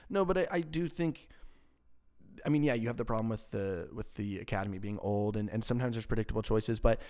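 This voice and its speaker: A man's voice: lowish voice, a little fast, a little mellow, clean tone. A young man hosting his own podcast, ranting casually in a rambling, profane, exasperated way into a home mic. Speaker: podcast host. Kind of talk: casual solo podcast rant. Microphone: home podcast mic with crackling.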